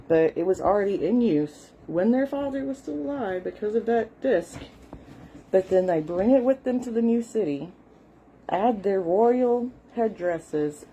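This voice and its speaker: Chatty Southern woman with a mellow voice. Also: on the low side, a little hiss or hum, low-quality recording. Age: at least late 40s. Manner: chatty and enthusiastic, frequent fillers and apologies; shows a book page and walks viewers through it. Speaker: history hobbyist host. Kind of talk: casual rambling explanation. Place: home, cat nearby.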